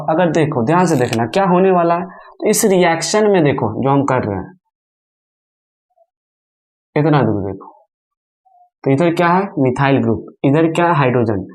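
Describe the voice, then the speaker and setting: His voice sits on the high side and is a little mellow. Teaching chemistry at a whiteboard, he asks his students questions and supplies the answers himself while counting atoms out loud individually, captured from afar in an echoey room.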